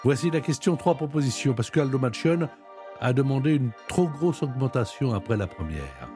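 A man with a mid-range voice hosts a radio programme, reading out quiz questions and talking with his guest. His delivery is brisk and lively, with faint music underneath. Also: mid-range voice. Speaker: radio host running a quiz. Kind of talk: radio quiz and interview hosting.

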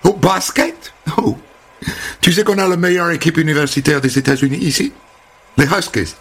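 A woman's voice: fairly low pitch, normal speed, a bit bright, breathy edge, pitched above the performer's own voice. A man voicing a bubbly, chatty young American hairdresser woman who gushes and stammers slightly. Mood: gushing. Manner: gushing, effusive, stammers slightly.

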